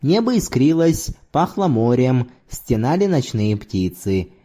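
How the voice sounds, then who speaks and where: A man narrating a literary audiobook in an expressive storytelling manner. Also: medium pitch, unhurried.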